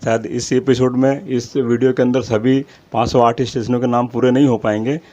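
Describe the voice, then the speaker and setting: A man's voice: mid-range voice, little pitch movement, a little fast, dark tone. Man steadily reading out a long list. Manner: apologetic about his pronunciation. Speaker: channel host. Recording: slightly dull lo-fi audio.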